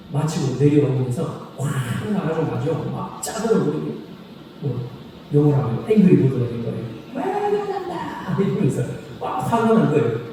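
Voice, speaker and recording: A man preaching a sermon as pastor, reading scripture slowly and asking the congregation questions, then repeating the answers himself. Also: fairly high pitch, mellow. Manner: asks the congregation questions and repeats key phrases; slow, solemn scripture reading. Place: church sanctuary. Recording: echoey hall reverb from a distant mic, faint noise.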